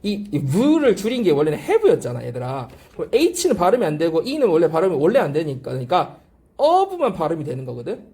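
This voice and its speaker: Lively, warm-voiced English teacher drilling a class. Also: mid-range voice, normal speed. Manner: drills pronunciation, repeating phrases and prompting the class; asks frequent rhetorical check-questions. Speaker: English teacher at a language academy. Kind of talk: classroom grammar lecture.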